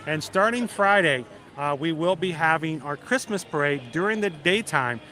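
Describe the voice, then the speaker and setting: A middle-aged man from South Georgia with a deep Southern accent, chatting casually and folksily as he hosts a livestream. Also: animated, normal speed, bright, forceful tone. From South Georgia, United States. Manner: chatty, folksy, greets viewers by name. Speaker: livestream host. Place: outdoors in a busy theme park.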